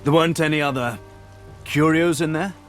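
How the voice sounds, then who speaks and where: An actor playing a scheming, scholarly male noble in a video game, speaking in measured, grandiose phrases over faint game music. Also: a little high, fairly even intonation, fairly bright tone, lightly acted. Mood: eager. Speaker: game character.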